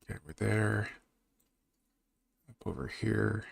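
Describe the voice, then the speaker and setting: Low gravelly man musing over his map. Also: steady tone, takes it slowly, no echo. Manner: thinks aloud, muttering while he works, then perks up to talk to chat. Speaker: streamer drawing a fantasy map with chat. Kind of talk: casual live-stream chat while working.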